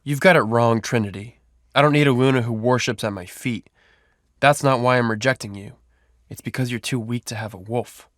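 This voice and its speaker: A man's voice: medium pitch, brisk, a bit bright, no echo, studio quality, lightly acted. An actor playing a cold, condescending male alpha werewolf leader in an audio drama, talking down with a dismissive tone.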